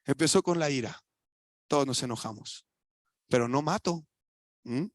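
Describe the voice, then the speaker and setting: A young adult man with a Mexican Spanish accent preaching a sermon in a church, colloquial, asking the audience rhetorical questions and swinging between loud emphatic lines and quiet asides. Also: medium pitch, moderate pace, no echo, clean studio sound.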